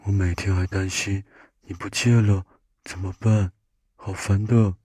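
A man voicing a petulant lovestruck gray bunny in a soft storybook reading, grumbling in a breathy voice. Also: sits low, unhurried, no echo, clean studio sound, exaggerated voice. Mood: grumpy.

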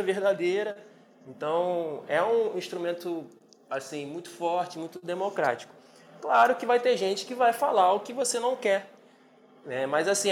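Convidado brasileiro, voz meio aguda, jeito animado e informal numa sala de conversa online. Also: male voice, on the high side. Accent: Brazilian. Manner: slangy, animated, emphatic. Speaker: TV show guest. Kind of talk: casual chat in an online audio room.

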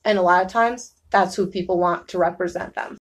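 A woman's voice: lowish voice, steady tone, a little fast. A young woman chatting as a podcast guest, emphatic and bubbly, laughing often. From New York state. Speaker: guest, actress. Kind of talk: casual podcast chat.

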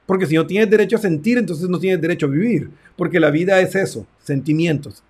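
A man's voice: high-pitched, a little fast, a little mellow, breathy edge. A man who works as a therapist, giving a reflective talk on self-esteem and acting out conversations with his clients. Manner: reflective, acts out client dialogues.

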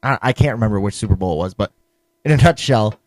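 A man's voice: on the low side, expressive, fast, no echo. A man co-hosting a casual sports podcast, hesitant and restarting often, fond of puns. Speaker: podcast co-host.

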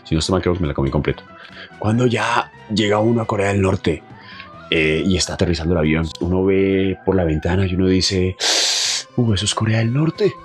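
Low-voiced young Colombian man, animated travel storyteller, chatty. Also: brisk, faint music behind. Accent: Colombian Spanish. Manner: animated, chatty, fond of asides and fillers. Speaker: traveler telling his story. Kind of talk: casual storytelling.

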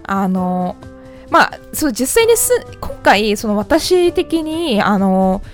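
A woman's voice: mid-range voice, very animated, slow, faint music behind. A woman from the Kanto region, chatting politely as the host of her own solo podcast, with many fillers.

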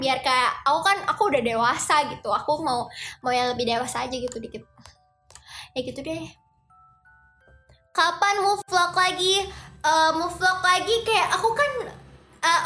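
A woman's voice: high-pitched, bright, forceful tone, reverberant. A young woman hosting a casual livestream, chatting with viewers and greeting them in a sing-song way. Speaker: livestream host.

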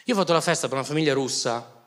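A man in his thirties, a comedian telling funny stories in an animated, exasperated way and laughing through his punchlines. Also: a little high, very fast. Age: 30s. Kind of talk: comic storytelling.

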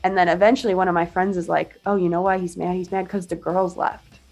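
A woman's voice: on the low side, level tone, quick pace, vocal fry, a little mellow, soft background music. A young woman casually telling a long story, full of "like" fillers and casual swearing.

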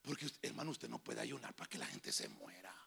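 Honduran pastor guy in church, folksy stories, gravelly voice, pitch all over the place. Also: wildly swooping pitch, brisk. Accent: Honduran Spanish. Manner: folksy storytelling, constant "hermano", rising to shouted preaching. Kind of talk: sermon with personal anecdotes.

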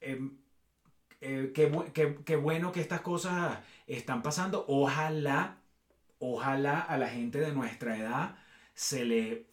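A man co-hosting a podcast in relaxed, slangy chat, sometimes mimicking voices. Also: medium pitch, slow. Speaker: podcast co-host. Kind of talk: casual chat. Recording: echoey room.

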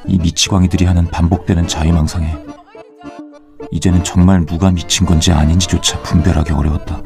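An actor narrating as a male Mars colonist, in a low, measured inner voice. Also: level tone, creaky, over music. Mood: reflective. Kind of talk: scripted reflective narration.

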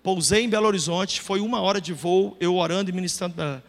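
A middle-aged man from Brazil preaching a sermon testimony, telling a story animatedly and acting out the voices with bursts of loud emphasis. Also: high voice, fast talker. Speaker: pastor. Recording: reverberant hall.

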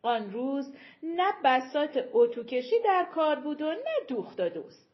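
A woman narrating an audiobook in a dramatic, expressive storytelling manner. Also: high voice, highs cut off.

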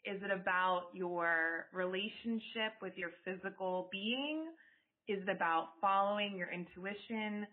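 A woman's voice: mid-range voice, measured pace. Woman asking questions over a tinny line. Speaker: interviewer. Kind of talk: interview questions.

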